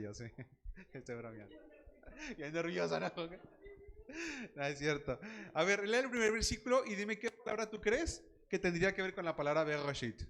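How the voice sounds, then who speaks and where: Male Bible teacher, slightly high voice, playful and quizzing his class. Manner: lively, quizzes students by name, jokes.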